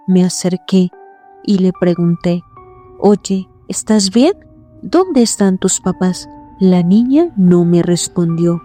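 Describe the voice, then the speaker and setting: A woman giving a scripted, measured first-person horror narration at a suspenseful pace. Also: lowish voice, warm tone. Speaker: storyteller.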